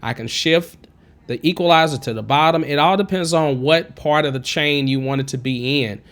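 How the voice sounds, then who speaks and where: Speaking at a moderate pace, a man in his thirties with a fairly bright, high, twangy tenor casually guides viewers through a screen-recorded music production tutorial. He's in a home studio with a green screen, using a pop-filtered condenser mic and headphones, and he's chatty, encouraging, and prone to tangents.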